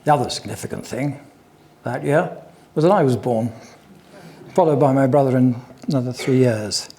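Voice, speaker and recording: A man's voice: mid-range voice, normal speed, dark tone. An older man giving a chatty public talk, full of wry asides and digressions. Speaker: guest speaker at a local history talk.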